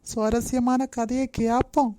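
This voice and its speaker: A woman's voice: fairly high pitch, little pitch movement, unhurried, dark tone, lightly acted. A woman doing a sarcastic cartoon auntie. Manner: sarcastic and teasing. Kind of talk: cartoon voice acting.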